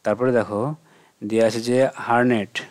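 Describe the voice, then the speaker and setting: A man's voice: mid-range voice, fairly even intonation, moderate pace. Patient Bengali-accented man teaching. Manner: patient, asks and answers his own questions. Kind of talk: exam question walkthrough for children.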